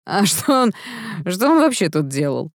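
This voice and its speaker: A woman's voice: on the low side, big pitch swings, normal speed, no echo, clean studio sound. Woman reading as a sarcastic angry prince. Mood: sneering. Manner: sarcastic, snapping. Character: proud angry young crown prince, sarcastic. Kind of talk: audiobook reading.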